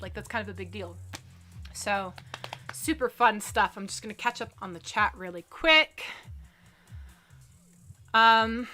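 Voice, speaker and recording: A woman's voice: mid-range voice, pushed and bright. A woman hosting a casual live-streamed entertainment news show, chatting loosely with lots of fillers and reading out viewer comments. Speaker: livestream entertainment news host.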